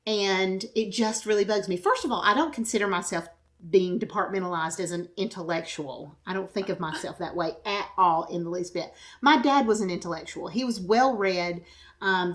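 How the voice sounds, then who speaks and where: A woman co-hosting a podcast in casual chat. She sounds opinionated and reflective and stresses her words emphatically. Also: mid-range voice. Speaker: podcast co-host.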